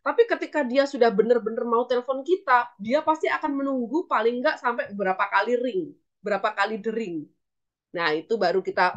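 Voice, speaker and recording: A woman lecturer teaching a class, switching between English and Indonesian and acting out phone calls. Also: on the high side. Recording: dull lo-fi classroom recording.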